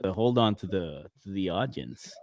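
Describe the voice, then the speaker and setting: A man on a casual streamed chat, relaxed and enthusiastic, leaning on fillers like "like" and "uh". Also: low-pitched, normal speed, gravelly, no room sound. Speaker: guest.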